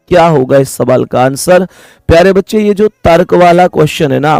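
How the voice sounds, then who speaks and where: A man's voice: fairly high pitch, vocal fry, a little mellow, no echo, studio quality. A young man teaching an online exam-prep reasoning lesson, chatty, repeating key points and calling his students dear children.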